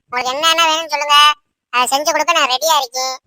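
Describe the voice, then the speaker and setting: A woman's voice: high voice, fairly even intonation, very fast, sharp tone, no echo. A woman voicing a put-upon young daughter-in-law in a cartoon, pleading and grumbling under her breath. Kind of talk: cartoon voice acting.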